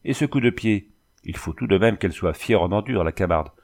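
A man's voice: sits low, animated, brisk, a little mellow. Man doing a rowdy drunk ragged ruffian. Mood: blustering drunk. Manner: rambling, blustering, swearing.

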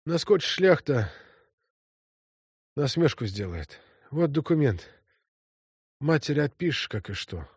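A man voicing a dying male soldier who speaks quietly, flatly and wearily. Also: fairly high pitch, a little slow, long pauses, slightly rough, dry recording, studio quality, exaggerated voice. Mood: resigned. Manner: quiet, flat, weary.

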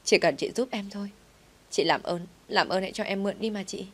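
A woman's voice: mid-range voice, a little fast, close to an everyday voice. A woman reading the part of a desperate young wife pleading for help.

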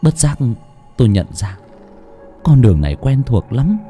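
Casting: male audiobook narrator, very lively pitch, tense first-person horror telling, faint music underneath. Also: normal speed. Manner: dramatic, tense storytelling. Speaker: storyteller.

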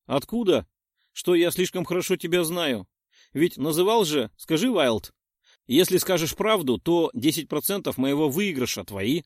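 A cocky young man gloats and teases at full volume, as a male narrator acts him out in an audiobook. His voice sits a little higher and swings in lively pitch. The sound is close and dry. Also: moderate pace, no room sound. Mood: boastful, teasing. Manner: boastful, loud.

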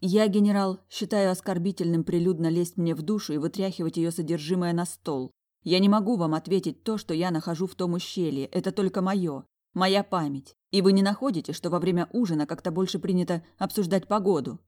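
A woman's voice: fairly low pitch, fairly quick, dark tone, close to an everyday voice. A woman voicing a proud young heroine who answers in a clipped, defiant way in an audiobook.

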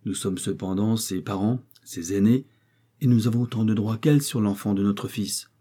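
A cautious, crafty old peasant miller drawls out his words, as a male reader voices him. His voice sits low and husky in this spoken storybook. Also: normal speed, warm tone. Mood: guarded. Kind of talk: audiobook character voice.

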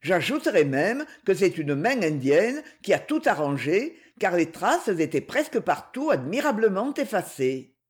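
A man voicing a grave, sharp-eyed male tracker who speaks in measured tones. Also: high-pitched, very animated.

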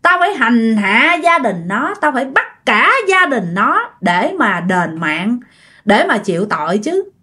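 A woman voicing a vengeful dead woman's ghost that speaks through a possessed woman, shrill and taunting. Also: big pitch swings, measured pace, sharp tone, slightly rough, full character voice. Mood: defiant.

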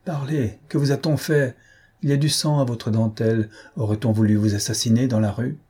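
A man voicing a jealous, furious young marquis who shouts in rage and scorn. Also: medium pitch, fairly even intonation, a little fast, slightly rough, close to an everyday voice.

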